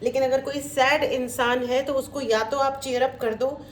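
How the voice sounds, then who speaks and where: A woman's voice: sits high, fairly even intonation, moderate pace. Hindi-English tarot reader woman, echoey room. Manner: mixes Hindi with English, addresses viewers as friends, warm reassuring asides. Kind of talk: spiritual tarot reading to viewers. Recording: echoey room with faint background noise.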